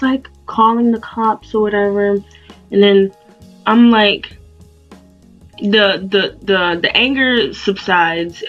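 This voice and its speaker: Young woman doing a storytime vlog, swears a lot, super animated, kinda muffled audio w/ quiet music. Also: mid-range voice. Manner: animated, casual, profane storytelling. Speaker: vlogger. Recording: dull lo-fi sound with faint music.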